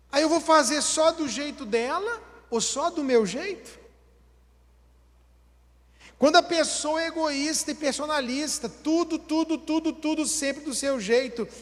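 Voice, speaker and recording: A man preaching a humorous sermon with a Brazilian Portuguese accent, acting out everyday dialogues. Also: very high-pitched. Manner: animated, acts out everyday dialogues. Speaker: pastor. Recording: long hall reverb.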